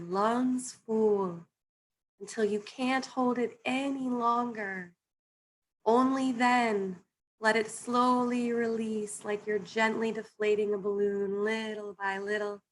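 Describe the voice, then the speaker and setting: A woman leading a guided breathing meditation as a coach, with a soothing, gently instructing manner. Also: medium pitch, a little hiss or hum, low-quality recording. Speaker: meditation coach and panel guest.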